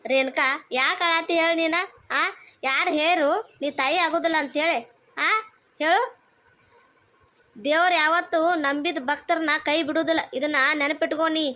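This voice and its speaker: A kindly elder neighbor from a cartoon, voiced by a woman, firmly reassuring in a North Karnataka accent. Her voice is very high, bright and forceful. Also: steady tone, moderate pace, pauses often. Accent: North Karnataka Kannada. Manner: reassuring, firm. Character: consoling elder neighbor woman, firm and kind.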